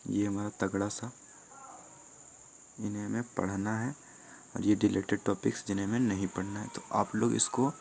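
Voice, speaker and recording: Low gravelly man listing syllabus topics. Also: a little hiss or hum. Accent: Jharkhand Hindi. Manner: steady listing of topics, with fillers. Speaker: teacher. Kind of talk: explaining a syllabus.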